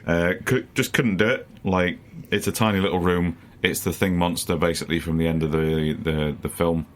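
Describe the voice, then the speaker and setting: A man's voice: deep voice, steady tone, moderate pace. A man co-hosting a casual podcast chat, swearing freely, laughing often and acting out quotes. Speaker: podcast co-host.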